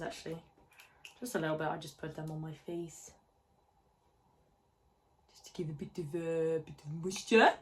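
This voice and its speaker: A young woman talks to her phone camera at home while getting ready, her voice sitting a touch low. She rambles in a relaxed, self-deprecating way, full of fillers and little asides. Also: a little hiss or hum. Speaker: fitness vlogger. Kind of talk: casual chatty get-ready-with-me vlog. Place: home, indoors. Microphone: phone camera held close.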